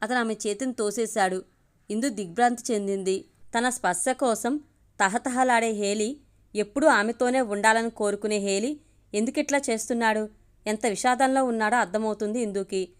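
A woman storyteller narrating an audiobook story in a calm, steady reading voice. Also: a little high, moderate pace, clear, resonant tone.

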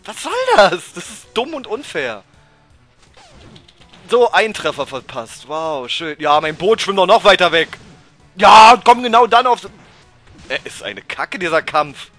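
A man narrates his own gameplay, excitable and quick to blow up at the game. His voice sits high and lively, with a bright edge to it. Soft game music plays faintly behind him. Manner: excitable, frequent frustrated outbursts and swearing. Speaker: let's player. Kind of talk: blind let's play commentary.

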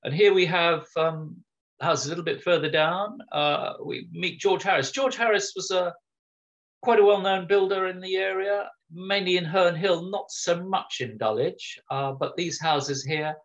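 Over a video call from a room at home, a man gives a chatty, informal local history talk with pictures, full of ums and restarts. His voice is high and fairly bright, and he keeps a measured pace. The call audio is dull and lo-fi.

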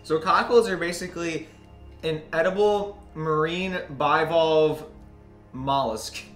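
A man co-hosting a casual food tasting, relaxed, with short comments and easy laughs. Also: a little high, takes it slowly, echoey room, faint music behind. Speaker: co-host.

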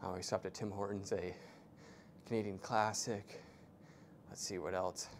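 A man's voice: fairly low pitch, level tone, a little slow, slight background noise. A young man talking casually to camera between sets in a small hotel gym, rambling with lots of fillers. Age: young adult. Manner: laid-back, rambling with many fillers. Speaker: fitness vlogger. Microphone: small clip-on mic, camera at a distance.

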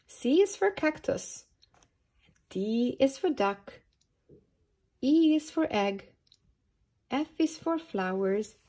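A woman reads a picture book to small children in an unhurried, sing-song way. Her voice rises and falls widely and has a mellow, slightly husky tone. She often stops to ask the little listeners questions. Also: high-pitched, animated. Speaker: early years storytime reader.

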